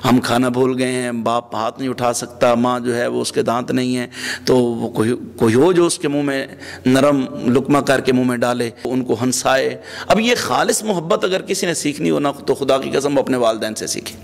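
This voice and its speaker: An Islamic preacher, a man with a medium-pitched voice and vocal fry, delivers an Urdu sermon as a religious scholar. He pleads in repeated, emotional phrases, and a long hall reverb trails his words.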